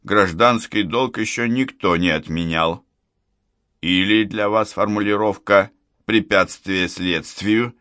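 A man's voice: lowish voice, steady tone, takes it slowly, pushed and bright, no echo, clean studio sound. A man voicing a blunt, stern police colonel who speaks with a threat in his tone, in an audiobook. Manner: gruff, menacing.

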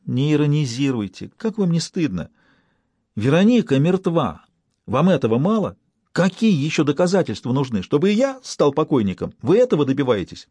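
A man's voice: on the high side, big pitch swings, normal speed, warm tone, husky, no room sound, pitched above the performer's own voice. Man voicing a hysterical young clerk. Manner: hysterical, pleading. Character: panicky young male bank clerk. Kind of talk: audiobook reading.

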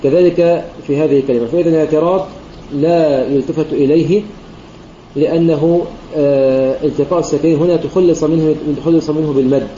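A man explains recitation rules with a rapid, methodical delivery. He repeats phrases and fills pauses with "aah." His voice is deep-toned and mellow, a little raised in pitch, and the recording sounds echoey and muffled, like an online voice-chat room. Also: steady tone, a little hiss or hum. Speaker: Quran recitation teacher. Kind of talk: religious lesson explaining a classical poem.

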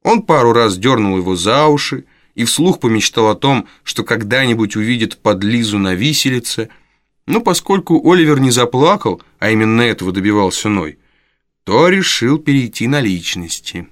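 A man reading a classic novel as an audiobook, with expressive, dramatic storytelling on a close studio mic. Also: mid-range voice, normal speed, dry recording. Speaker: narrator. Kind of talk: scripted audiobook narration.

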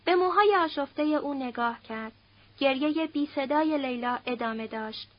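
High-voiced woman narrating a novel. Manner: measured storytelling. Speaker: audiobook narrator. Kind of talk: scripted literary narration. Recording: dull lo-fi recording.

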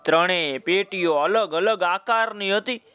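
Bright, high-voiced male storyteller. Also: measured pace, soft background music. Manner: lively, folksy asides to listeners. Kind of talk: children's folk tale narration.

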